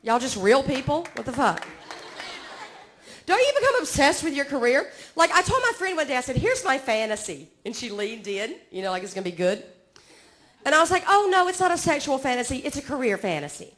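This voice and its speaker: A Southern woman in her forties from Georgia does a self-mocking stand-up set on a comedy club stage, bantering with the crowd. Her voice is high, sing-song, fairly quick and fairly bright.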